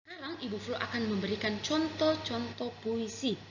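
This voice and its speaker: A woman teacher with an Indonesian accent, giving a gentle, patient online lesson to young children. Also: a little high, normal speed, noisy background. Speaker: primary school teacher. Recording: echoey room, slightly dull audio.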